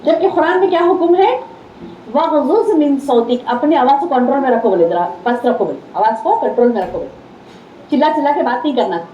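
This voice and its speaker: A woman's voice: sits high, animated, quick pace, mellow, a little hiss or hum. A woman religious teacher with a Deccani Urdu accent giving a conversational Islamic lecture, repeating her key phrases. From India. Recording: roomy, slightly dull hall recording.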